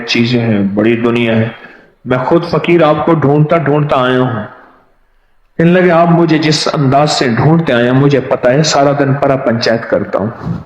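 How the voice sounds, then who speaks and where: A man preaching a sermon, telling stories with quoted dialogue in an animated way. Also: medium pitch. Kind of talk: sermon storytelling. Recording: echoey hall, dull lo-fi sound.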